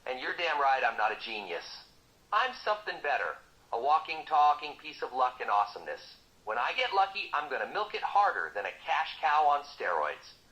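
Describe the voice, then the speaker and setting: A man's voice: medium pitch, sing-song, a little fast, bright, forceful tone, dull audio. A man voicing a boastful, wisecracking male mercenary who teases his partner in comic banter. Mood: teasing. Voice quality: cocky, teasing, sarcastic.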